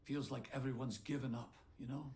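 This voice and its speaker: An actor playing a rugged, weary space patrolman in a video game, with a wry, gravelly voice. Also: mid-range voice, steady tone, fairly quick, dark tone, lightly acted. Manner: wry, plain-spoken.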